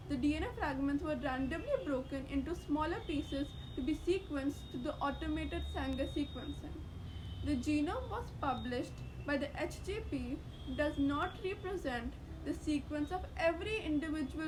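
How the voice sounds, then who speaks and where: A woman's voice: high-pitched, background noise. A woman reading a formal case-study presentation aloud from a teleprompter, carefully, like a student presenter.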